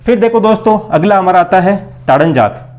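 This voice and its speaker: Man drilling a lesson, higher voice. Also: expressive, a little fast, darkish tone. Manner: call-and-response drilling, repeats questions and answers; keeps addressing listeners as friends. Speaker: teacher. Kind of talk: blackboard lesson for exam preparation.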